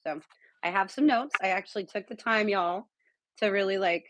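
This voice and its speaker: A woman's voice: mid-range voice, normal speed, noisy background. A woman from San Diego, the guest cook, explaining a recipe in a chatty, casual way with lots of fillers over a video call. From San Diego, California. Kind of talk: casual cooking chat.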